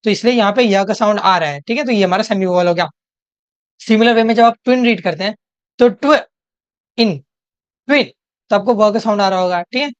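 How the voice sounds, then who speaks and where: A woman's voice: medium pitch, dry recording. Young indian english woman tutor, patient step by step lecture, keeps checking in, dull dry audio. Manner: explains step by step, repeats "theek hai?" to check in; reads English questions slowly. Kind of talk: exam-prep lecture in Hinglish. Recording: dry, slightly dull home recording.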